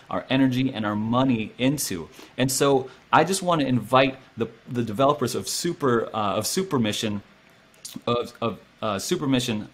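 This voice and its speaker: Husky young man hosting to camera. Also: mid-range voice. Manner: animated, gestures a lot, speaks to camera. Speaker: host. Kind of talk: casual interview. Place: small home room.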